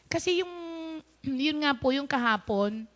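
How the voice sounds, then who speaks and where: High-voiced woman sharing a testimony. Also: lively intonation, unhurried, fairly bright tone. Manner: storytelling, mixes English into Tagalog, acts out quoted speech. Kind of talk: personal testimony told to viewers.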